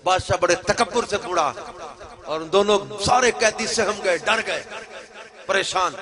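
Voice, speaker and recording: A man with a Pakistani Urdu accent preaching a dramatic story, building to loud emotional peaks, with a crowd heard behind. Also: sits high. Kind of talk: sermon storytelling. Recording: live crowd audible behind.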